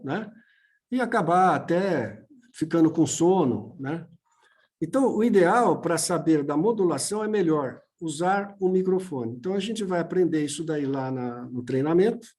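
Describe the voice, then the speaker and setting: A man's voice: on the high side, darkish tone. A man with a Brazilian Portuguese accent giving a church seminar lesson on preaching, in a plain, patient teaching manner. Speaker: homiletics teacher.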